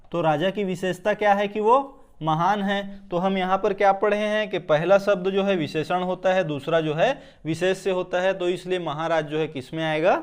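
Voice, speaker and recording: High, smooth-voiced male grammar teacher. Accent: Hindi of Chhattisgarh. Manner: quizzing, asks a question then answers it himself; repeats each word with "ठीक है". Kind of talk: exam-prep grammar lesson.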